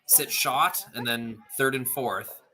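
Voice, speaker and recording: Bright-voiced male curling commentator. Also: medium pitch, slow pace. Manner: analytical, talks through shot options. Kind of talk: live sports commentary.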